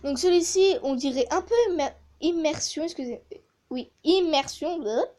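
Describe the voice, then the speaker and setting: A woman's voice: high-pitched, normal speed, warm tone. A woman chatting casually in a vlog, with many hesitations, reviewing voice changer effects. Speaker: gaming YouTuber testing a voice changer app.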